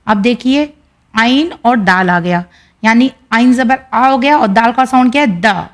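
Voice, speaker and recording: A woman teacher with an Indian Urdu accent and a voice on the high side patiently explains a reading lesson. She sounds out syllables slowly and clearly.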